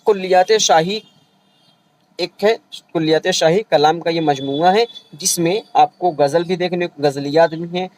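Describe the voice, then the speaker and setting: A man teaching an online revision lecture for a language exam, explaining patiently and repeating each point, often pausing to check that the students are following. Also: fairly high pitch, darkish tone, rough recording. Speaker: Urdu exam-prep teacher.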